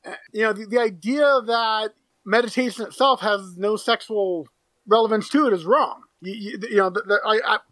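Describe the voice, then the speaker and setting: A man's voice: high voice, normal speed, fairly bright tone, no room sound. A man co-hosting a casual podcast chat, earnest and stumbling over his words. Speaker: podcast co-host.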